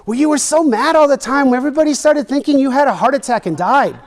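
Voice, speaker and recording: A woman's voice: high voice, fast talker, voice pushed up, lightly acted. A man voicing a young woman, a former student, who teases bluntly. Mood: teasing.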